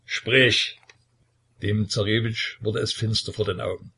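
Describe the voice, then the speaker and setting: Male narrator, low and husky, measured dramatic read. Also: little pitch movement, a bit bright. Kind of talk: scripted audiobook narration.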